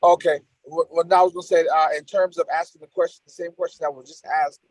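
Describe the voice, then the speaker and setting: A man who is a board member, joining by remote call and asking questions haltingly, repeating words while he searches for phrasing. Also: fairly high pitch, fairly even intonation, no echo, low-quality recording. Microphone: remote call connection.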